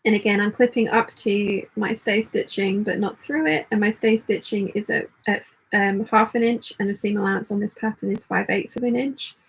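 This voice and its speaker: A woman hosting a casual live sewing hangout, talking through her work and chatting along, with a slightly husky voice. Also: medium pitch, fairly even intonation, normal speed, few pauses, poor audio. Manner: muttering commentary while working; reads chat messages aloud. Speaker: sewing livestream host.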